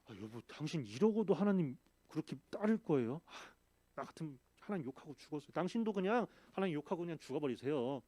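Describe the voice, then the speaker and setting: A man's voice: on the high side, big pitch swings, fast, mellow. A man voicing an exasperated wife who scolds her husband and pleads with him during a sermon.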